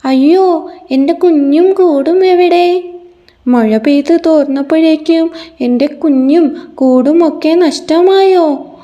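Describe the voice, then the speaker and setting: A woman's voice: high-pitched, slow pace, dark tone, dull audio. A woman voicing a worried mother bird who laments her missing chick and nest. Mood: anxious. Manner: anxious, lamenting.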